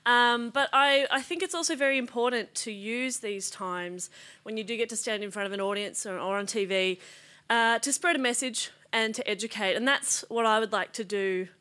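A young woman doing a stand-up comedy routine on a TV studio stage, talking into a handheld mic with deadpan, sardonic asides. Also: fairly high pitch, normal speed. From Australia. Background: audience laughter.

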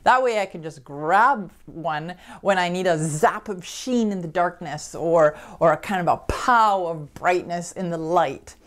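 A woman in middle age with a slightly lowish voice talks through a hands-on art demo in relaxed, conversational tones. She often drops into a hushed, near-whispered delivery as she points things out. When she turns back to the viewer, she is chatty and upbeat. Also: measured pace, few pauses. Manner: soft-spoken, drops to near whisper while demonstrating. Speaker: pastel artist reviewing art supplies. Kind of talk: casual demo narration.

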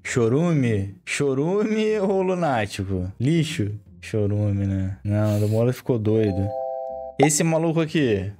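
A male streamer talks on a live stream in a lively voice that swings up and down. He hands out blunt, irreverent snap verdicts packed with slang. Faint music plays in the background. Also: mid-range voice, takes it slowly.

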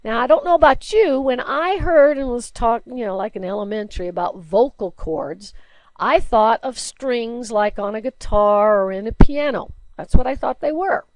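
Speaking at a moderate pace, a woman teacher delivers a recorded slide lecture on a low-quality recording without echo. She chats through the material using everyday examples and questions, and describes her own singing voice as low alto.

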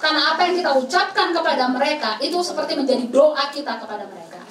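A woman's voice: high-pitched, fast, a bit bright, far from the mic. A woman giving a talk to students, acting out dialogues with children, slipping English phrases in and laughing often. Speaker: speaker at a student camp session. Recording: roomy hall, from the mic, faint noise.

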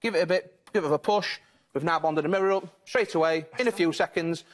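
A man's voice: on the high side, a little fast. A British man in his thirties giving an instructive, reassuring live home shopping demonstration, step by step. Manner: instructive, reassuring, repeats set phrases. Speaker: product demonstrator on a shopping channel. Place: television studio, indoors, moving about while demonstrating.

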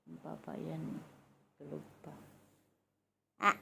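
A woman's voice: low-pitched, steady tone, takes it slowly, vocal fry, pushed and bright, a little hiss or hum. A young mother vlogging at home, cooing baby talk to her little child. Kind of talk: casual family vlog.

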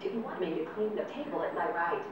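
A computer-generated female robot voice announces each step in a flat, formal and evenly paced way. It sits a little low and is heard from a distance in a very echoey room. Steady noise hangs behind it. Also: quick pace, lo-fi sound. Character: service robot speaking to people. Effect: synthetic text-to-speech robot voice. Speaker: service robot. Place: indoor robot test arena.

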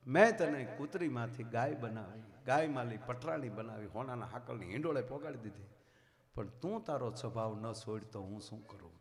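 A man's voice: medium pitch, lively intonation, a little fast, few pauses, in a large hall, lightly acted. Man voicing a stern old holy man. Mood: tearful. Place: live outdoor village folk show.

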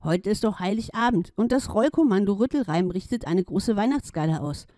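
A woman's voice: medium pitch, lively intonation, brisk, dark tone, dry recording, studio quality, natural voice. A woman voicing a friendly, chatty male carp who drives a limousine. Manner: chatty, explanatory.

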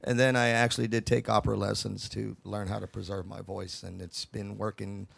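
An older man, the band's singer, answering interview questions in a relaxed, rambling, self-deprecating way. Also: fairly low pitch, a little fast, vocal fry, husky, no room sound. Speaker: singer of the band.

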